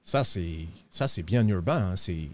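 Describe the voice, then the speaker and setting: In a western roleplay, a man plays a broke, bumbling cowboy with a put-on accent, pleading theatrically with sliding pitch and tacking "hein" onto his lines. His voice is animated, a little slow and a little mellow. A faint hiss or hum sits under the recording.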